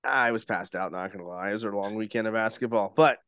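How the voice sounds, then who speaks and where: A man's voice: fairly low pitch, quick pace, fairly bright tone, clean tone, no room sound, clean studio sound. A young man hosting a casual sports podcast, talking in loose, rambling sentences full of restarts. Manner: rambling, frequent restarts and fillers. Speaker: podcast host.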